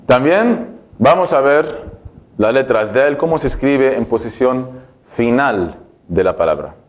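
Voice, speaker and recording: Male Arabic teacher, native Arabic speaker, slow and methodical, mid-pitched, on a dull lo-fi recording. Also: expressive. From Egypt. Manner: patient, repeats words slowly for drilling. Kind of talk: language lesson.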